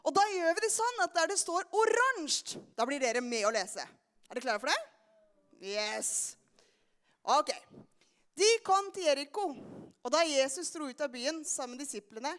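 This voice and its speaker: A young woman tells a Bible story to a church gathering and turns it into a lively lesson. Her voice sits high, and she keeps drawing the listeners in with questions. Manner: animated, asks the audience questions often. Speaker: children's sermon leader. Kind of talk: lively storytelling sermon for a congregation.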